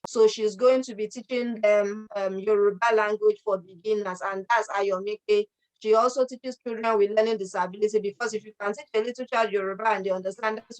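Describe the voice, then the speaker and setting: A woman's voice: medium pitch, poor audio. A woman from Nigeria speaking in an online talk as the organizer of a language program, rambling and acting out quoted dialogue.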